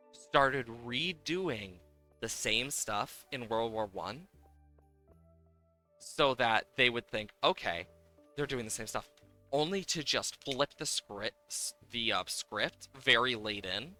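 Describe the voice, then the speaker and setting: A game livestream host with a medium-pitched, bright, forceful voice talks slowly and animatedly, leaving long pauses. He rambles enthusiastically between thoughts, chatting over gameplay and reading game dialogue aloud as video game music plays.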